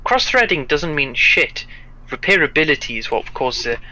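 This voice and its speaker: A man's voice: on the high side, very animated, bright, forceful tone, low-quality recording. A Welsh man streaming, chatting casually and swearing while he jokes with a friend. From Wales. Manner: sweary, joking, quick banter.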